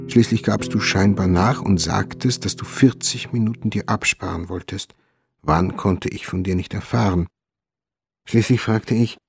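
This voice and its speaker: A brooding, anxious writer in a radio play, his low voice husky and hushed. He reads his lines in a quiet, measured, melancholic way, with faint guitar music underneath. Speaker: radio drama actor.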